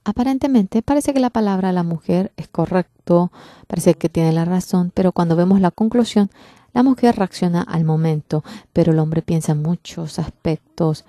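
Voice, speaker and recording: Low, mellow woman interpreting a sermon. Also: moderate pace, dry recording, studio quality. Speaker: interpreter for a pastor. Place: church.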